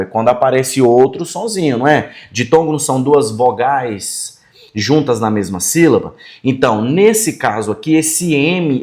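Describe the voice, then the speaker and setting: Brief: Brazilian male teacher, mid-pitched, friendly explainer who repeats words aloud and checks in often. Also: a little mellow. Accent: Brazilian Portuguese. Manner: friendly, checks in often with quick tags like "fechou?" and "tá?"; sounds out words slowly and repeats them for emphasis. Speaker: Portuguese teacher. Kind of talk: explanatory grammar lesson.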